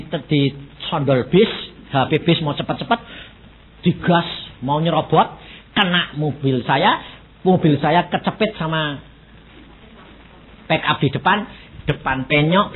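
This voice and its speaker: Seorang pendeta pria berusia lanjut dengan logat Jawa, berkhotbah sambil bercerita dan memerankan suara orang-orang dalam kisahnya. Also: male voice, a little high, unhurried. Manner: animated, acts out quoted voices, mixes Javanese words. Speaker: pastor. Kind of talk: sermon with storytelling. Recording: tinny phone-like recording with faint noise.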